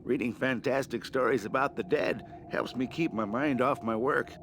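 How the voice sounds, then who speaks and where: A man's voice: mid-range voice, normal speed, noisy background, close to an everyday voice. A man playing a stubborn, grumpy gravedigger in a comic adventure game, querulous and skeptical as he scolds. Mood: dismissive. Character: jumpy, grumpy, stubborn gravedigger who loves horror novels.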